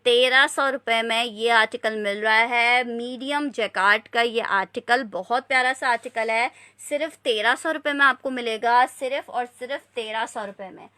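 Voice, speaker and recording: A woman hosts a live shopping stream. Her voice is high and bright, with a forward edge. She repeats details in a steady sales patter and breaks off to chat casually with viewers. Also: moderate pace, hardly any pauses. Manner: repetitive selling patter, repeating prices and sizes. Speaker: live online clothing seller.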